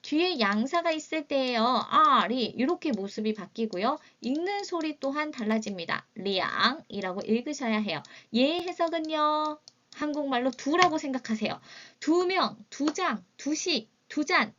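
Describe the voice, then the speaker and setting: A woman teaching Chinese vocabulary in an online lesson, drilling words slowly for learners to repeat. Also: sits high, expressive, fairly bright tone, muffled recording.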